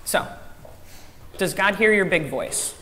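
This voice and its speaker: A woman giving a children's message in a church service, asking the kids lively questions and echoing back their answers. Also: on the low side, slow pace. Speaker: director of faith formation giving a children's message. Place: church sanctuary with a choir. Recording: long church reverb, faint room noise.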